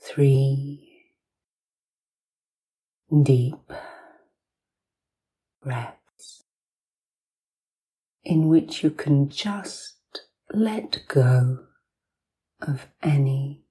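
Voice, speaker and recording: A woman host narrates guided hypnosis like a sleep story, speaking softly and soothingly in a breathy, near-whispered voice. Short phrases are separated by long pauses, and her voice has a bass quality.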